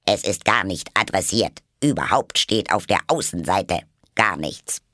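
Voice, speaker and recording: A nervous, overly reverent rabbit courtier from a storybook, as a man puts him on. He hurries through his words while bowing to the king. The voice sits close to the reader's own, husky and dry. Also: deep voice, animated, measured pace, sharp tone, no room sound, full character voice. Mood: hurried.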